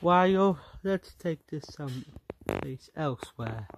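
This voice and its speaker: One person voicing the whole fan movie, slow, keeps hopping into squeaky high voices. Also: a little mellow, a little hiss or hum. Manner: switches between character voices, jumping to squeaky highs. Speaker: fan movie creator voicing every character. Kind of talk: amateur fan movie voice acting.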